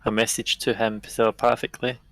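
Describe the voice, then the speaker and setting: A man talking casually and deliberately as a player in a tabletop role-playing game. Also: lowish voice, little pitch movement, a bit bright, no echo, low-quality recording.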